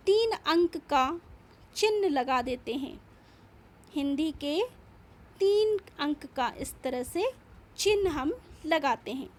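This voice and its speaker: A woman teacher giving a patient, step-by-step grammar lesson, explaining and repeating each point. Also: very high voice. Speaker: school teacher. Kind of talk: slow classroom grammar lesson.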